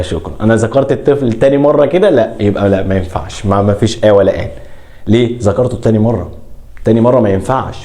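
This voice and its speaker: Egyptian man, english teacher, mellow tone, asks and answers himself, drawn-out words. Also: medium pitch. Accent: Egyptian Arabic. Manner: asks and answers his own questions, stretches words out slowly. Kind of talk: classroom grammar lesson.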